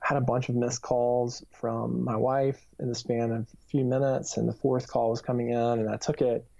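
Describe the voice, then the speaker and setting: A man's voice: mid-range voice, little pitch movement, moderate pace, vocal fry, warm tone. A man in his thirties gives an earnest, reflective personal testimony in an interview, with frequent fillers. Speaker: author and youth minister. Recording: dull lo-fi recording.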